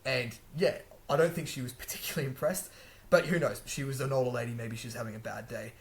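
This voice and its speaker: Fast-talking rambling man. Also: mid-range voice, fairly even intonation. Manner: rambling, chatty, frequent restarts and self-corrections. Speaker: language-learning vlogger. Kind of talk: casual advice monologue to camera. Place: a room indoors.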